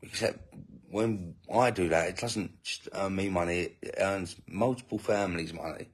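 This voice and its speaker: A deep-voiced man talks through a casual live stream. He greets viewers from their comments, stops and restarts his sentences, and slips into indignant asides, all while he feeds his baby. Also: normal speed, slightly rough. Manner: rambling, self-interrupting, indignant asides. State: feeding a baby while talking. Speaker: family channel host reading live comments.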